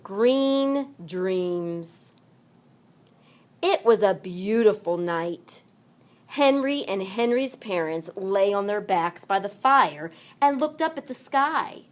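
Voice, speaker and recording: A woman with a mid-range voice reads a children's story aloud for listeners to follow along. Her delivery is deliberate, expressive, and animated, pitched for kids.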